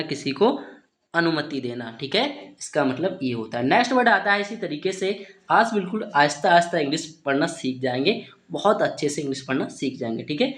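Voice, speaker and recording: An English tutor teaches beginners to spell and say words letter by letter, repeatedly saying "ठीक है" and answering his own questions. His voice is on the high side and fairly bright, with a roomy echo.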